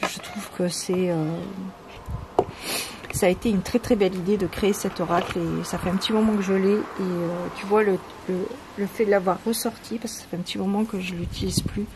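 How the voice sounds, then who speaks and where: A woman hosting a casual video about her oracle cards, talking with many pauses, fillers and restarts. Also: medium pitch. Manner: reads card texts in a soft, calm tone. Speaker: channel host presenting oracle cards. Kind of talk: casual chat. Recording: home video with clear background noise.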